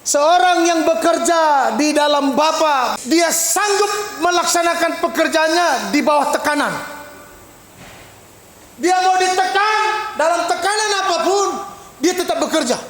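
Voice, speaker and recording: Man, pastor, very high-pitched, animated sermon, calls out questions to the congregation, bursts of shouting, roomy hall with long echo. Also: measured pace, a little hiss or hum. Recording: echoey hall with long reverb.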